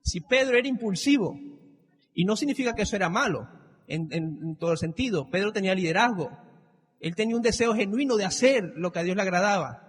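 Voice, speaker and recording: Emphatic high-voiced preacher in a reverberant church. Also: male voice, fast, husky. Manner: animated, emphatic, acts out quoted voices. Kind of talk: sermon.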